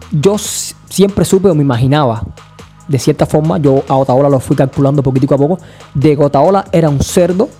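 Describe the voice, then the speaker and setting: Podcast guy, deep mellow tone, talks it through slow and steady, little music in back. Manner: measured, analytical, often asks "you know?". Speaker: podcast host. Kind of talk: opinion commentary.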